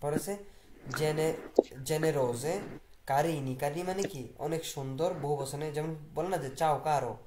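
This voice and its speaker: A language teacher who asks the class questions, answers them, and slowly repeats words to drill them. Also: medium pitch. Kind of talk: classroom vocabulary lesson. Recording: echoey room with faint noise.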